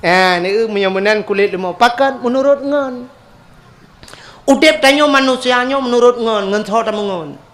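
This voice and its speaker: A man with an Acehnese accent delivers a sermon in a strikingly high voice. He hits key words hard with sudden upward leaps, then lets his phrases sink low and quiet. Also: moderate pace. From Aceh, Indonesia. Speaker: preacher.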